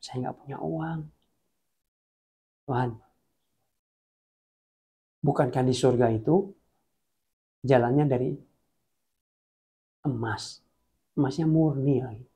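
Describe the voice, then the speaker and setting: A man's voice: medium pitch, slow, long pauses, breathy edge. A preacher acting out a worried father who prays casually and half-jokingly for money. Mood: wheedling. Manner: soft, informal, bargaining prayer. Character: worried middle-aged father praying for money.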